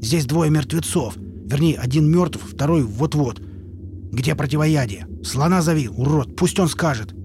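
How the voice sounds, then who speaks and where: A man voicing a rash young male stalker who shouts urgently. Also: a little high, a little slow, slight background noise, natural voice. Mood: frantic.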